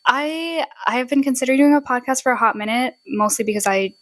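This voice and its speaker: A woman's voice: high-pitched, fast talker, dry recording, low-quality recording. A woman in her early twenties from Nepal, co-hosting a casual chat podcast in a friendly, upbeat way. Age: early 20s. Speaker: podcast co-host.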